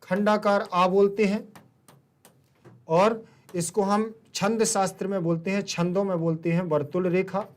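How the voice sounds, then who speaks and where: A man's voice: high voice, flat delivery, measured pace. A man with a Hindi-speaking Indian accent, teaching a Sanskrit lesson. He asks his students questions and then answers them himself.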